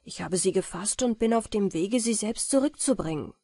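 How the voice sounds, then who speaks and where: A woman's voice: mid-range voice, lively intonation, moderate pace, mellow, dry recording, studio quality. A woman voicing a modest, noble-minded young man who speaks formally and politely. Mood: eager. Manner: formal, polite, old-fashioned speech.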